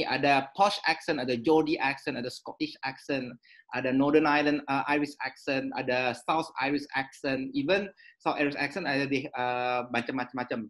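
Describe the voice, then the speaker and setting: A man's voice: a little high, fairly bright tone. A man, an education consultant giving chatty advice in a webinar, mixing in English phrases.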